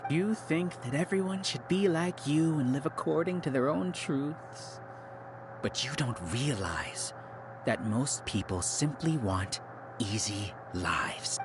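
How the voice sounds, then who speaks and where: A grandiose game villain, the scholarly master of a hive mind. His mid-pitched voice swoops widely as he condescends and gloats. There is clear noise behind him. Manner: theatrical, condescending, grandiose monologuing. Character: arrogant male villain researcher, leader of a hive mind. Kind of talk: scripted video game villain acting.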